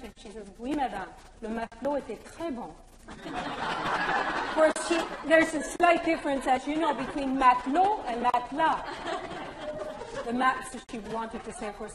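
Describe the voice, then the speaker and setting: Speaking in a mid-range voice against background noise, a Newfoundland woman presents at a conference in an echoey hall. She explains her ideas and drops in jokey asides and anecdotes.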